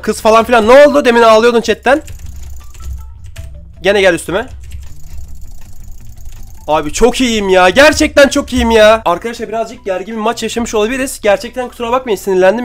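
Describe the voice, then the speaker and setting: A young man chats over his own gameplay in a high, bright-sounding voice, firing off words at a quick clip. He keeps up a running patter, taunting opponents and breaking into excited outbursts. Keyboard and mouse clicks sit close to his desk microphone. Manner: chatty, trash-talking opponents, excitable outbursts. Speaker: gaming YouTuber. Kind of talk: casual gameplay commentary.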